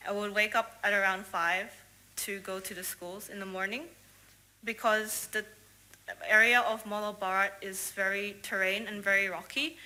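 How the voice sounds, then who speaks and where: A young Australian woman, a native English speaker, gives a prepared testimony to a congregation about a mission trip. Her medium-pitched voice has a sharp tone, and she sounds earnest, using frequent fillers. The audio quality is poor.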